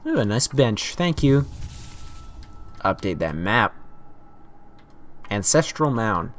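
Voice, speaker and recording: A young man giving casual commentary while playing a video game, playful and prone to theatrical shouted taunts. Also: fairly low pitch, sing-song, slow pace, slight background noise. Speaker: let's play host.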